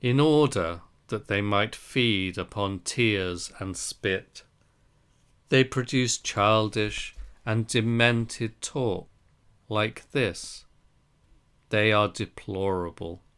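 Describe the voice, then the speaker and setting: A man with a smooth, resonant, fairly low voice reads a Buddhist scripture aloud. He takes it very slowly, in short deliberate phrases, as a scripted reading. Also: a bit bright. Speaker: reader of a Zen Buddhist text.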